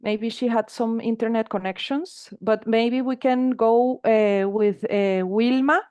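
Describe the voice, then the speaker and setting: A woman hosts an online panel over a video call. Her voice sits fairly high, and her speech is hesitant, full of fillers and restarts. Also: steady tone, a little slow, darkish tone, clear, resonant tone. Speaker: webinar moderator.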